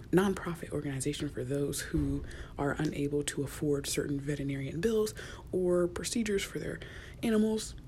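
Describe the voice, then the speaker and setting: A young woman hosting her own podcast, chatting in a soft, rambling way with many fillers and restarts, sometimes dropping to a whisper. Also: sits low, slight background noise. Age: young adult. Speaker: podcast host. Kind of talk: casual solo podcast rambling. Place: small enclosed room at work.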